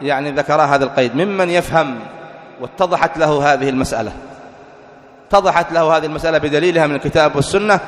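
Man lecturing in an echoey hall. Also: on the high side. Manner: asks rhetorical questions and answers them; reads quoted text slowly and deliberately. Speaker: religious teacher. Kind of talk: lecture explaining a creed text. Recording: echoey hall with long reverb.

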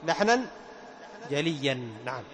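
A man's voice: on the high side, big pitch swings, unhurried, a bit bright. A man teaching Quran recitation rules to a class. He quizzes his students and repeats the key points. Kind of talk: classroom lesson with questions to students.

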